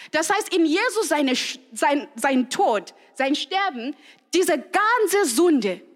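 Woman, 30s, preacher; high voice, earnest and animated, echoey hall. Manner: earnest, animated, acts out quoted voices of children. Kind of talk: sermon to a congregation. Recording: long reverb of a hall.

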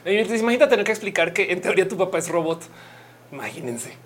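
Reading viewer comments on her casual livestream, a young woman from Colombia chats playfully and laughs a lot. She speaks quickly and animatedly in a lowish voice.

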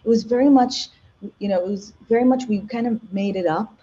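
A woman from Egypt, a podcast guest, telling her career story in casual, animated interview chat with frequent self-corrections. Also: a little high, brisk, breathy edge, lo-fi sound. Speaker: podcast guest, marketing executive.

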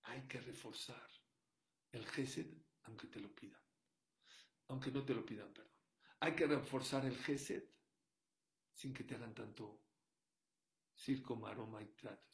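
Gravelly-voiced man preaching a story. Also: mid-range voice. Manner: animated storyteller, swings from hushed to loud. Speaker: rabbi. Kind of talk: sermon with storytelling.

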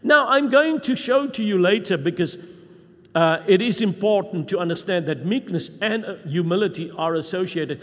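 A man's voice: sits high, lively intonation, moderate pace, fairly bright tone. A man preaching a sermon, speaking emphatically and reading scripture aloud with rising intensity in a church. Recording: long reverb of a large hall.

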